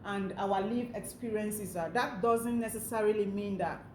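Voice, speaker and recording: A woman's voice: mid-range voice, steady tone, normal speed. A woman co-hosting a casual chat, talking with frequent fillers. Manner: chatty, many fillers. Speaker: co-host. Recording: echoey room, faint noise.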